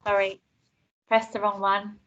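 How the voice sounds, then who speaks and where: A woman heard over a video call, explaining software step by step in a casual, chatty way. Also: medium pitch, level tone, unhurried. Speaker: trainer demonstrating software. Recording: muffled video call audio.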